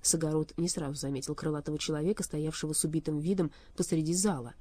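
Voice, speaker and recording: A woman's voice: deep voice, steady tone, fast, mellow, no room sound. A woman reading a fairy tale aloud as narrator, with a storyteller's rising and falling tone.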